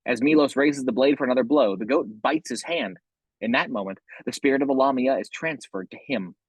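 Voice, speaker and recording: A man with a husky voice reading scripted horror narration, describing the action scene by scene. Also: medium pitch, brisk, dry recording, rough recording.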